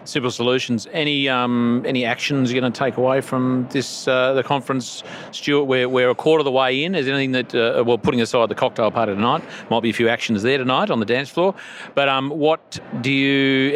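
A man's voice: mid-range voice, fairly even intonation, quick pace, a bit bright. An Australian man hosting a casual, joking interview, talking in a slangy, laid-back blokey way like an Aussie tradesman. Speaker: podcast host interviewing at a conference. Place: outside area of a conference venue. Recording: faint outdoor background noise at event.

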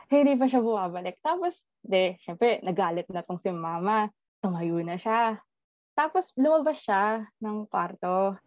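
A woman telling a ghost story in casual chat, animated and laughing often as she tells it. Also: mid-range voice, a little slow, no room sound. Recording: slightly dull lo-fi audio.

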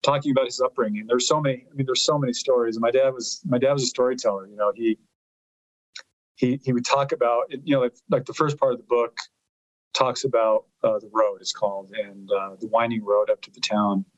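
A man in his fifties, a lawyer and author whose first language was Italian, tells rambling family stories as a guest in an interview, often repeating words while he hunts for his thought. His voice is medium-pitched and fairly even in intonation, and he talks fairly quickly. The recording has no echo, but the highs are cut off.

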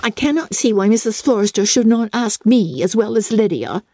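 A woman acts out a peevish young woman in a classic storybook reading. She whines with self-pity and grievance, in a soft-edged, mellow tone recorded dry. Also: on the high side, lively intonation, normal speed, dry recording, pitched above the performer's own voice. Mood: aggrieved. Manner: whining, aggrieved. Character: peevish, self-pitying young English sister.

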